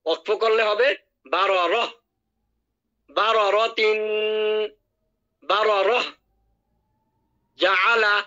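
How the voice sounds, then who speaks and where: A man teaching Quran recitation in an online class, drilling each word slowly and patiently. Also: sits high, fairly even intonation, bright, forceful tone, lo-fi sound. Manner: drills words by repeating them slowly. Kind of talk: online tajweed lesson.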